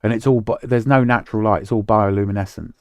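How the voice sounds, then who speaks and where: A man's voice: on the low side, steady tone, quick pace, dry recording, clean studio sound. A man co-hosting a casual chat about video games, rambling and losing his words mid-sentence. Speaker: podcast co-host.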